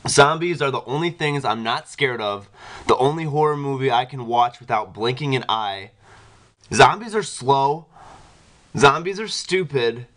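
A man's voice: medium pitch, expressive, a little slow, fairly bright tone. Rambling young-sounding male vlogger. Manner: rambling, heavy on "like" fillers. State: just woken up. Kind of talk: casual daily vlog chat.

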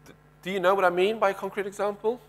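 A man's voice: high-pitched, little pitch movement, very fast, fairly bright tone. A man in his thirties giving a keynote talk on a large conference stage through a headset mic, conversational, asking the audience questions and often restarting sentences. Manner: paces the stage with gestures. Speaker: keynote speaker.

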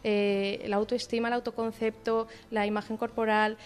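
A woman's voice: on the high side, level tone, normal speed, smooth. A woman with a Spanish accent, explaining her association's work to a radio reporter, with frequent fillers. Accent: Spanish from Spain. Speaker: association social worker. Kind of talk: explaining during a radio visit.

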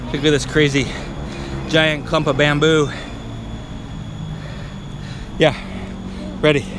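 A man in his forties, his voice on the high side, speaks slowly in a level tone against a noisy background. Hosting a casual vlog on a handheld action camera, he chats to viewers while hiking through a tropical jungle beside a river.

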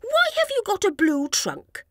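A woman's voice: very high voice, wildly swooping pitch, unhurried, fairly bright tone, dry recording, clean studio sound, pitched above the performer's own voice, full character voice. A woman voicing Lennon, an eager, curious young male cartoon character.

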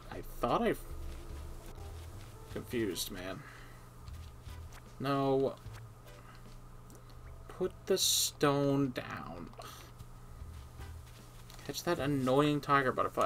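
A man streams a video game and mutters dry, sarcastic complaints at it, mostly to himself. His voice is gravelly and swings widely in pitch. Faint keyboard typing sits behind him. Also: bright, forceful tone, slight background noise. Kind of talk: casual gameplay commentary.

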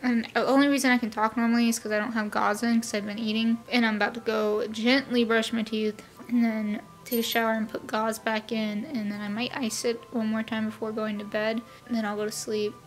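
A woman's voice: fairly high pitch, level tone, brisk, soft background music, poor audio. Young woman rambling through a casual vlog recap. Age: young adult. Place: dim bedroom indoors.

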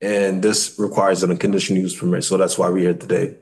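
Low-voiced American man presenting, slightly halting. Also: little pitch movement, darkish tone. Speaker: city planner presenting a project. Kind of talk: formal slide presentation at a public meeting. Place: indoor meeting room at a table.

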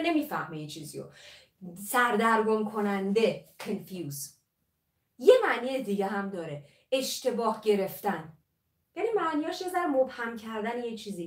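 A woman English teacher gives a lively live lesson in a high voice, switching between two languages as she drills pronunciation. She sounds a little away from the mic, in a room with a noticeable echo. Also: far from the mic.

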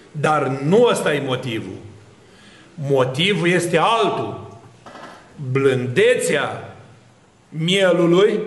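A fairly high-pitched man gives a sermon as an Orthodox priest. He keeps asking rhetorical questions and runs through long lists. His voice rings in an echoey room.

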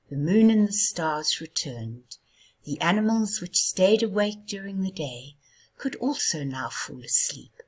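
A woman reading a children's story aloud in a soft, hushed, half-whispered way. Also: sits low, slightly rough. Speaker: storybook reader.

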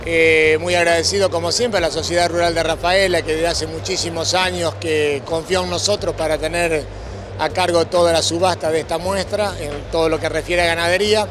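An Argentine man in his sixties speaks in an interview in a distinctly high voice for a man. He explains things earnestly, putting questions as he goes, and clear music plays behind him. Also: steady tone, brisk. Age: 60s. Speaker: interviewee, agricultural cooperative representative. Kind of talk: on-camera interview. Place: indoor exhibition hall at a farm show. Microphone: handheld microphone held by the interviewer.

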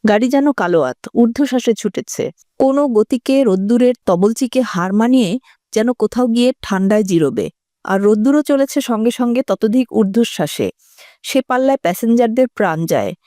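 A woman giving a scripted narration of a textbook story in a steady, even reading voice. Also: a little high, fairly quick, no room sound, clean studio sound.

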